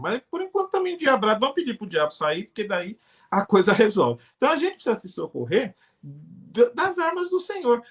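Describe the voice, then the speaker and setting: An older man from Brazil, a pastor, answering in an earnest, explanatory way during a live-streamed interview. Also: high voice.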